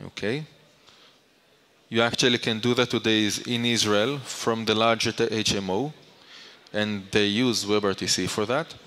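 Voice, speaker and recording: A man with a lowish, steady, fairly bright voice speaks at a moderate pace, giving a conference presentation to an audience in a large hall. He explains things by posing questions and then answering them. The hall is reverberant, with a long echo.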